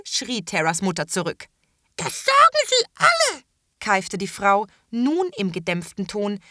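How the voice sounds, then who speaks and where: A woman reading a children's story aloud in an expressive way. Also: mid-range voice, no echo, clean studio sound. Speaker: narrator. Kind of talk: audiobook narration.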